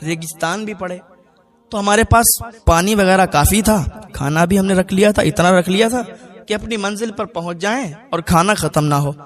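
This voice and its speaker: A male Islamic preacher telling a moral story in an earnest, moralizing sermon and addressing his listeners as brothers. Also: high-pitched.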